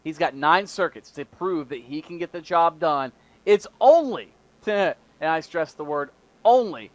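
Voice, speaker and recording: A man calling a sim race as play-by-play commentator, building to excited calls when the action heats up. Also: a little high.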